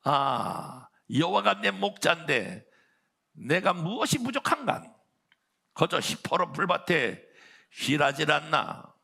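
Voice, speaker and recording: A man putting on a Pyongan dialect, lilting upward with questions and stretched words. The voice sits well above his usual pitch and has a gravelly, bright edge. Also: big pitch swings, heavily acted. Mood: folksy. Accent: Pyongan dialect, put on. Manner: drawn-out questioning, folksy.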